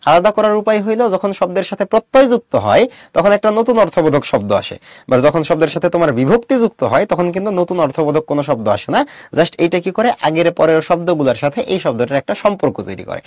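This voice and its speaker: A man's voice: a little high, big pitch swings, a little fast, darkish tone, no echo, studio quality. A young adult man teaching an online class, explaining step by step and asking his students questions.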